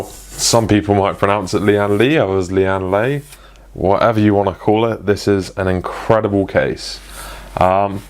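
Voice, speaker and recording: Low-voiced man reviewing tech. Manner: chatty, many ums and restarts. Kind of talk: casual product review.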